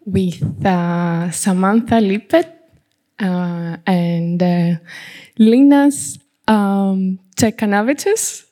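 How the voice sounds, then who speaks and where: A woman with a Greek accent introduces a live panel as its moderator. She takes her time at a medium pitch, pausing now and then to find the next word. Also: dark tone. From Greece.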